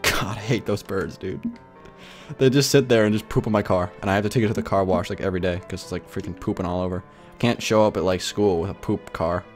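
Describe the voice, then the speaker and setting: A young man chatting casually on a gaming livestream, rambling with lots of "like" and ranting in an animated way. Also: sits low, quick pace, soft background music. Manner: rambling, heavy use of filler "like", animated ranting.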